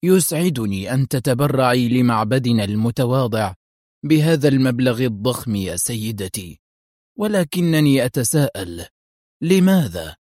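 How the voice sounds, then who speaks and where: A man voicing a calm, sly old male Buddhist high monk who speaks quietly and slowly with suspicion. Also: no echo, clean studio sound, lightly acted. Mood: quiet, wary.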